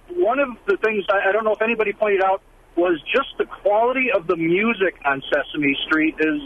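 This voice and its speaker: Caller, middle-aged man, rather high voice, phoning in from his car on speakerphone, earnest and stumbling. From Milwaukee, USA. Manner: halting, earnest, with many fillers and restarts. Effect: speakerphone in a moving car, heard over the phone line. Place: driving car. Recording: tinny phone line with faint car noise. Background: faint road noise.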